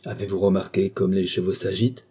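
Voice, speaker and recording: A man's voice: on the high side, expressive, brisk, warm tone, voice pushed up, natural voice. A man reading aloud and voicing a small, anxious male rider who serves his master, speaking cautiously. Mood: uneasy.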